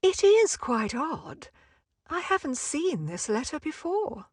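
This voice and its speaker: A woman playing a genteel, sentimental older book lover in a game story, gentle and polite in manner. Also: high-pitched, sing-song, takes it slowly, no room sound, studio quality, exaggerated voice. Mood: surprised, shaky. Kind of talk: scripted game story dialogue.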